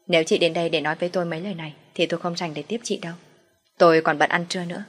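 A woman voicing a young wife, firm in retorts and gentle with her mother-in-law. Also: lowish voice, steady tone, rapid-fire, faint music behind, lightly acted. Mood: sharp.

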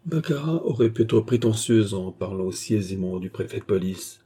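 A male audiobook narrator with a very dark, mellow and husky voice pitched somewhat low. He reads at a steady literary pace and moves into a different voice for each character. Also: brisk. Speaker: audiobook reader. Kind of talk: scripted narration.

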